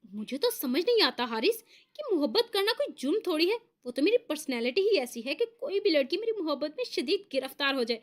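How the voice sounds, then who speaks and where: A cheeky young man who teases and boasts with mock innocence. A woman narrator voices him in her own high, lively tone. His lines swing between sweet and smug. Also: brisk. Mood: boastful.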